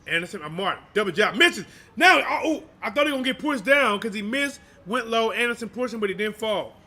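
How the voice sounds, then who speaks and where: A man's voice: high-pitched, expressive, fairly quick, pushed and bright. A man doing live boxing commentary as a streamer, in slangy, informal talk aimed at his viewers. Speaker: boxing livestream commentator and channel host.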